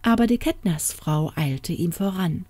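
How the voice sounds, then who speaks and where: A woman narrating a fairy tale in a calm, soothing way as an audiobook reader, close to the mic. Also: on the low side, a little slow, dry recording.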